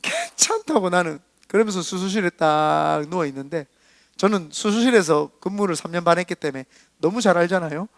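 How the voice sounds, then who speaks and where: A middle-aged Korean pastor with a fairly high voice preaches in a church, telling his own story with lively shifts between hushed and loud moments. The sound is close and dry, with little room around it. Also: a little fast, dry recording. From South Korea. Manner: animated storytelling, acting out dialogue with rising and falling loudness. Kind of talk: sermon with personal testimony.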